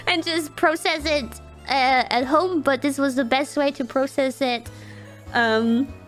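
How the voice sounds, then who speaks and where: A woman's voice: sits high, steady tone, slow pace, fairly bright tone, soft background music. A young woman streamer telling a personal story in casual chat, rambling and emotional, swearing and laughing often.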